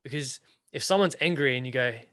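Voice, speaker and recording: A man's voice: mid-range voice, brisk, no echo. Man hosting a podcast, dry sound. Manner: relaxed, earnest, asks follow-up questions. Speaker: podcast host. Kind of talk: casual conversational interview.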